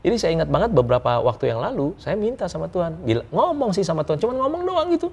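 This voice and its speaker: A man, a business coach telling personal stories in a casual interview, lively and joking, chuckling often and mixing in English words. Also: sits high, fast, gravelly, husky, highs cut off. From Indonesia.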